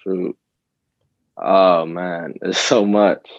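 Young man, very low voice, relaxed and rambling, dry muffled sound. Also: drawn-out words, dry recording. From Dominican Republic. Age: young adult. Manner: relaxed, rambling with many fillers and restarts. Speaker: rapper guest. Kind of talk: casual interview.

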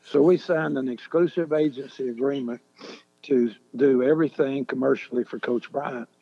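An older man telling a long story as an interview guest, halting and deliberate with many restarts. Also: mid-range voice, steady tone, gravelly. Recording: echoey, dull lo-fi sound.

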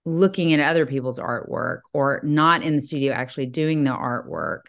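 A woman's voice: a bass voice, big pitch swings, moderate pace, gravelly. A woman hosting a podcast from a cabin, talking reflectively and reading passages aloud. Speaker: podcast host. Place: indoors in a cabin.

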